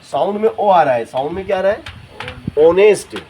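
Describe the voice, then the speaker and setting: A male teacher giving a grammar lesson in a classroom, repeating words slowly and checking with his students. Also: high voice, expressive, warm tone. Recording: noisy classroom recording.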